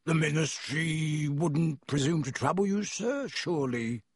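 A man's voice: on the high side, a little slow, breathy edge, no room sound. Guy doing a greasy suck-up shopkeeper, all yes sir no sir, dry close mic. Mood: fawning. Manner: oily, obsequious. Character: oily, fawning male shopkeeper of dark objects.

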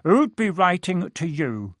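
A man's voice: fairly high pitch, very animated, unhurried, husky, dry recording, studio quality, full character voice. A man voicing blustering, short-tempered Uncle Vernon. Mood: angry sneering. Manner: barking, sneering, muttering. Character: gruff, blustering middle-aged uncle, bullying and short-tempered.

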